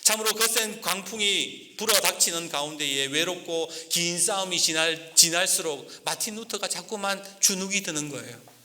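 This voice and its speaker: Male pastor preaching, dramatic, bright tense voice, big echoey church. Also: sits high, moderate pace, slight background noise. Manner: dramatic, acts out scripture quotes. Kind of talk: sermon.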